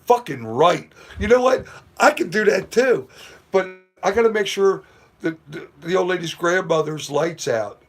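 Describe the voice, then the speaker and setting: A man's voice: high-pitched, lively intonation, a little slow, faint music behind. A middle-aged man hosting a casual late-night live stream from home, telling rambling, profane stories with lots of "you know.". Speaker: livestream host. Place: at home near porch, at night.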